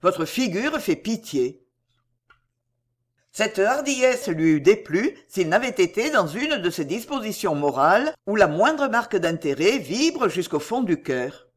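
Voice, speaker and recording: A narrator reading a classic novel aloud in an expressive storytelling manner. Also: medium pitch, unhurried, few pauses.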